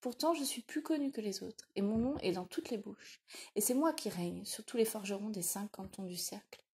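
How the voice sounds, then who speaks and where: A woman's voice: medium pitch, expressive, moderate pace, darkish tone, natural voice. A woman voicing a proud, tender blacksmith father speaking solemnly to his son in an audiobook reading. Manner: solemn, confiding.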